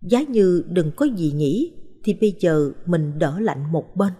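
A woman voicing a lonely, wistful little boy who muses softly in a hushed voice. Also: fairly low pitch, expressive, measured pace, slightly rough. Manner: soft, whispery musing.

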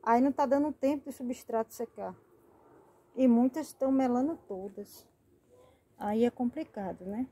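A woman's voice: on the high side, normal speed, warm tone, slightly rough. A woman hosting a casual gardening vlog, chatting affectionately as she names and shows each of her plants. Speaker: plant channel host.

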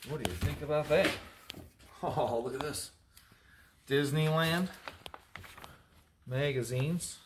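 A man's voice: on the high side, slow, pauses often, noisy background. Chatty man narrating an unboxing. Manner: chatty, reads labels aloud, teases crew. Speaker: auctioneer. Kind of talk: casual unboxing commentary. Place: indoor storage area with block walls.

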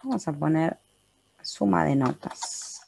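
An Argentine woman leads a webinar computer class, walking students through a spreadsheet one step at a time. Her voice sits low and carries a gravelly edge. She is patient and keeps checking in with a quick "¿sí?". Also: darkish tone, a little hiss or hum. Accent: Argentine Spanish. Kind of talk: step-by-step software tutorial. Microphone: computer mic in a webinar.

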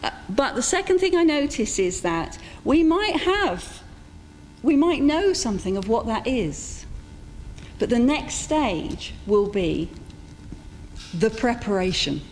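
In an echoey church hall with background noise, a middle-aged woman preaches to a congregation in an informal, reflective sermon. Her conversational storytelling is slightly high, sing-song and darkish in tone, with pauses for emphasis.

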